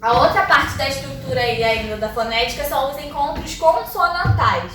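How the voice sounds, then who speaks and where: Brazilian lady teacher explaining step by step, high voice, heavy room echo, mic far away. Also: expressive, moderate pace, background noise. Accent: Brazilian Portuguese. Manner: explanatory, checks in with tags like "tá?" and "ok?". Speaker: Portuguese teacher. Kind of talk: classroom lesson.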